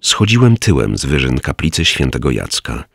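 A man narrating an audiobook in a measured, descriptive way. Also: rumbling low, big pitch swings, gravelly, fairly bright tone, breathy edge, no room sound, clean studio sound.

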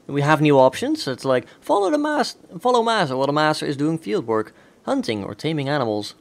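Lively chatty man narrating gameplay. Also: on the high side, gravelly. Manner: chatty, upbeat, thinking aloud while playing. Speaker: let's play host. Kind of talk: casual gameplay commentary. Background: background game music.

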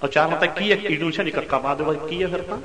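High, bright preacher in an echoing hall. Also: male voice, slight background noise. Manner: chants scripture lines slowly, then explains in quick rhetorical questions. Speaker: Sikh preacher. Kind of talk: katha sermon. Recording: echoey hall with long reverb.

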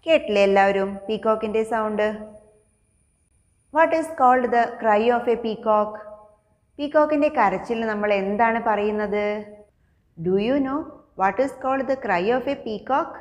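A woman with a Malayali accent teaching young children English, speaking slowly and repeating each new word. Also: a little high, long reverb tail. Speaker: primary school English teacher. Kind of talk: slow classroom lesson for young children.

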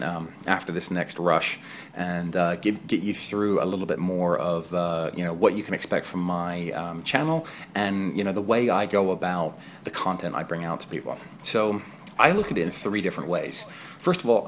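Deep-voiced man in his thirties, chatty. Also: slight background noise. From England. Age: 30s. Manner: conversational and digressive, chatty asides. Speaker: gaming video creator. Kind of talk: casual voice-over commentary on gameplay.

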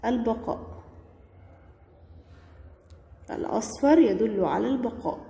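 Egyptian lady teacher, bouncy pitch, kinda high voice, echoey room w long reverb. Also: brisk, creaky. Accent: Egyptian Arabic. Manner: lively, questioning, praising pupils. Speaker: primary school Arabic teacher. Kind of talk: classroom grammar lesson.

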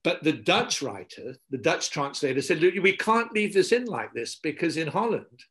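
A man's voice: on the high side, moderate pace. An older man, a guest philosopher, speaking in a casual interview over a video call from a home study, repeating words as he thinks. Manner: animated storyteller, repeats words while thinking. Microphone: video call laptop mic.

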